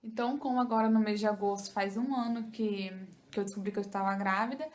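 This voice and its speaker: A woman's voice: mid-range voice, fairly even intonation, fast, a little mellow, soft background music. A young Brazilian woman, a first-time mother, talking casually to her viewers in a chatty way. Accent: Brazilian Portuguese. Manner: chatty, addresses viewers with "gente" and "tá?". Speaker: vlogger, new mother. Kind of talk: casual chat to camera.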